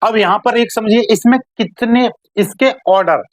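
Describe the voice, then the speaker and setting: Her pitch fairly high, a woman runs a math lesson like a class, checking frequently that everyone is keeping up. She poses questions, then answers them herself, drawing key terms out slowly. The recording is dry and rough.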